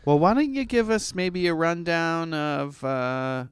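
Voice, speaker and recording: A man co-hosting a casual podcast, tossing in deadpan joking quips. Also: on the high side, a little slow, clear, resonant tone, dry recording, studio quality. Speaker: podcast co-host.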